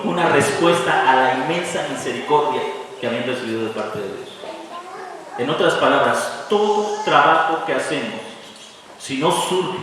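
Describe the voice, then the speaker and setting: A man's voice: fairly high pitch, distant mic, background noise. A pastor preaching a sermon, emphatic and full of rhetorical questions to his congregation. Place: church sanctuary. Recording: echoey hall, voice from off-mic.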